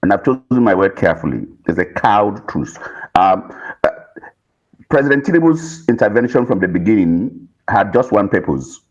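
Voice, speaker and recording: On muffled audio, a man with a Nigerian accent offers political commentary as a guest on a panel. His voice is on the low side and expressive, and he speaks emphatically and deliberately, repeating phrases for weight.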